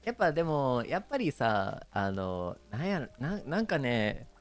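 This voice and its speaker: A man with a Kansai accent chats casually on his stream, his pitch swinging widely as he talks. He hesitates often, padding his sentences with fillers and breaking into frequent laughter. Soft music plays quietly behind him. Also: very animated, moderate pace. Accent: Kansai Japanese.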